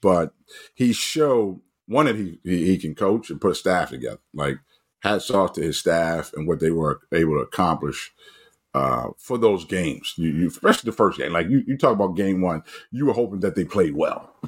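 Male coach, fairly low voice, animated sports chat, frequent restarts. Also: moderate pace, husky. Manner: animated, pitch jumps up when excited, frequent restarts. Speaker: coach and guest analyst. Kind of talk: casual sports talk.

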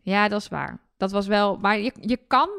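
A woman from Twente, chatting as a podcast co-host and quick to agree. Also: mid-range voice, lively intonation, vocal fry, a bit bright, clean tone, no echo, clean studio sound. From Twente, Netherlands. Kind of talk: casual chat.

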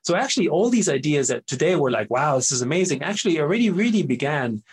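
A middle-aged Austrian man, a native German speaker and entrepreneur, talks casually as an interview guest, rambling with frequent fillers and restarts and often tagging sentences with "right?". His husky voice is a little high, talks fast and swings widely in pitch.

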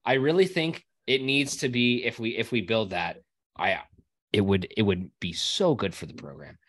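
A man's voice: on the low side, normal speed, a bit bright. Stammering young guy, joking around. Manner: stammering, repeats words, jokey. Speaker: podcast co-host. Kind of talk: casual sports chat.

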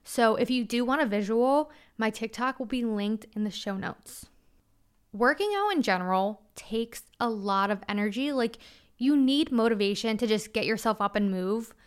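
A woman's voice: fairly high pitch, lively intonation, moderate pace, clear, resonant tone. A woman in her twenties hosting a solo podcast, talking frankly and casually with crude slang. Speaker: podcast host.

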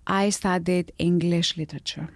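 A woman's voice: lowish voice, fairly even intonation, moderate pace, no room sound, studio quality. A middle-aged woman from Greece, a guest telling her story in an interview conversation with some fillers. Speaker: guest entrepreneur.

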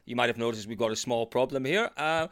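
A man putting on the voice of a calm airline pilot making a cabin announcement, unhurried and understated with hesitant pauses. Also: mid-range voice, voice pushed down, lightly acted. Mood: calmly understated.

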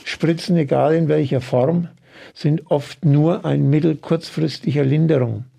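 A man with a gravelly, mellow voice explains his treatment methods in an interview. He talks earnestly and at a measured pace, his pitch sitting a little above the usual for a man. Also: fairly even intonation. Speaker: osteopathic practitioner.

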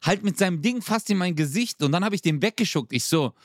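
A young man chatting casually on a podcast, telling an animated story with street slang. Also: sits high, quick pace, no echo, studio quality. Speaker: podcast co-host. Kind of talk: casual chat.

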